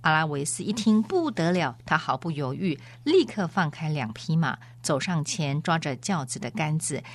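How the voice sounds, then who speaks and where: A woman who hosts a radio program, narrating a novel with expressive storytelling. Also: deep voice, normal speed. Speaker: radio program host and reader.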